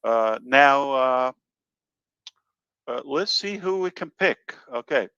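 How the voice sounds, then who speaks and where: Reassuring man hosting a webinar, smooth voice. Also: medium pitch, animated, pushed and bright, dry recording, muffled recording. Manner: reassuring, halting with many fillers. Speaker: webinar host. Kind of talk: casual webinar talk.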